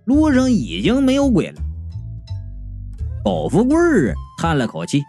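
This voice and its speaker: Animated high-pitched male comic storyteller. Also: unhurried, faint music behind. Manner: animated, exclaiming, playful. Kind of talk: first-person comic story narration.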